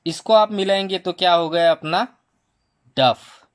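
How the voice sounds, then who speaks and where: A man teaching a primary school Hindi lesson, slowly sounding out each letter and vowel sound for children. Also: high voice, steady tone, clean tone. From India. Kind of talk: slow spelling lesson for children.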